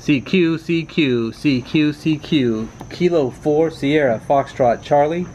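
A man on a screened-in porch calling CQ on ham radio, drawing out his call sign slowly. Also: fairly high pitch, darkish tone, a little hiss or hum, rough recording. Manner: slow, drawn-out call signs. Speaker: amateur radio operator.

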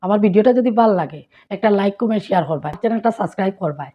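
A woman's voice: mid-range voice, expressive, rapid-fire, highs cut off. A woman from Sylhet with a Sylheti Bengali accent, vlogging casually and listing local words one after another. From Sylhet, Bangladesh. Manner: repetitive, listing words and their local forms. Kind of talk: casual vlog teaching dialect words.

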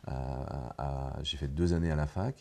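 A middle-aged film director with a steady, mellow bass voice speaks a little slowly and reflectively in a relaxed TV studio interview, often hesitating and restarting. He's recorded on a lapel mic on a set furnished with armchairs.

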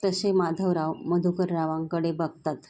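A woman narrating a family story in a steady, plain reading voice. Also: on the low side, unhurried.

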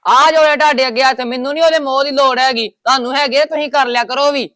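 High, sulky defiant voice in a dry room. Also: steady tone, fast talker, fairly bright tone, no room sound. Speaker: defiant grandson. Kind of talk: Punjabi family web drama acting.

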